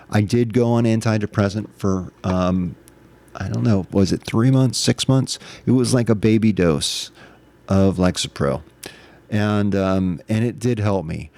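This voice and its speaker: Mellow low-voiced man, candid podcast host. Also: dry recording. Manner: candid, earnest, self-reflective storytelling. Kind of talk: casual solo podcast monologue.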